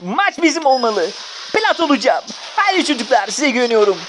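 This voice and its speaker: A gamer giving a running commentary on their own mobile match, swearing freely, cheering and scolding teammates in bursts of excitement. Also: sits high, brisk, heavy background noise. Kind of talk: gameplay commentary.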